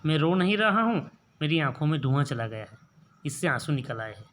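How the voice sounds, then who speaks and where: A male teacher voicing a gentle old grandfather in a school play reading, in a low, soft, reassuring voice. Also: very animated, a little fast, slight background noise.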